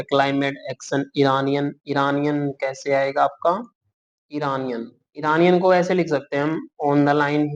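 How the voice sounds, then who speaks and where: Male shorthand tutor: unhurried, spells out letters, calls students "beta", dull lo-fi sound. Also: on the high side. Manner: slow, patient, spells words out letter by letter and asks "clear?"; calls students "beta", corrects himself as he draws. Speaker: shorthand teacher. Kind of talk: explaining shorthand outlines for dictation words. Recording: muffled lo-fi recording.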